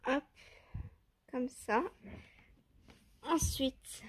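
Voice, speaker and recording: Woman, knitting vlogger, slow unhurried talk, higher voice, hesitant musing chat, handheld phone at home. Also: husky. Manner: hesitant, musing, many fillers and self-questions. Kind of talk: casual thinking-aloud chat to viewers. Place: at home among her yarn stash.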